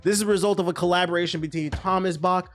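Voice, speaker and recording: A man congested from a cold reads news aloud on a live stream, then casually riffs on the chat. His stuffy voice is high-pitched and fast, with fairly even intonation.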